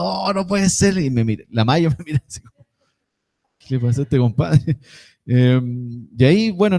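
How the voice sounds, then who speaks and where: A man's voice: mid-range voice, dark tone. A young man with a Chilean Spanish accent preaching a sermon, telling a personal story in a casual, slangy way.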